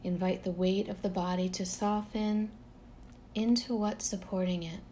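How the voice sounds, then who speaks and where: Speaking in a medium-pitched voice, a woman leads a guided relaxation session. She is gentle and unhurried and lets long silences fall between phrases, with slight background noise present.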